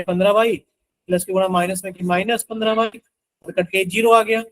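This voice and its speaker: A man's voice: sits high, no echo, low-quality recording. A man teaching an online math class, coaxing students to answer and working sums aloud with chanted multiplication tables.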